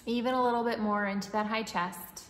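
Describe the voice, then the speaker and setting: A woman leading a guided breathwork meditation in a soothing, instructing manner, with long pauses and audible breathing and sighs. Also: fairly high pitch, fairly even intonation, fairly bright tone. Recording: echoey reverberant room, faint background noise.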